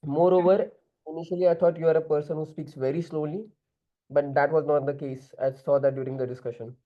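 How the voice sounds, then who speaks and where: A man's voice: on the high side, lo-fi sound. A man with an Indian accent giving direct group discussion feedback as an interview prep mentor, switching now and then into Hindi.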